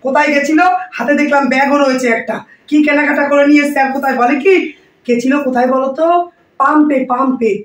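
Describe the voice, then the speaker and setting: A woman playing a loud, quarrelsome mother-in-law who scolds and accuses, in a comic family skit. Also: sits high, level tone, fast talker, lightly acted. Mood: shouting. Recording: echoey room, voice from a distance.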